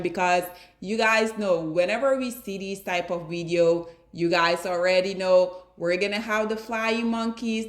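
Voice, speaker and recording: Preachy woman addressing her viewers. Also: fairly low pitch. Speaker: commentary host. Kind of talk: reaction commentary to a street interview.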